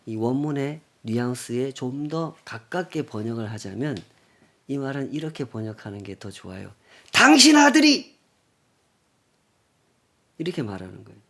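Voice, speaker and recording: A male pastor giving a Sunday sermon, emphatic and full of rhetorical questions, dropping from loud lines to near-whispers. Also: medium pitch.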